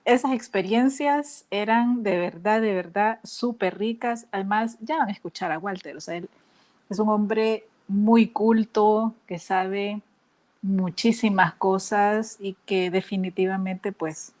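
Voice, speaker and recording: Woman podcast host, unhurried, chatty, enthusiastic. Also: medium pitch, darkish tone. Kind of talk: casual podcast conversation.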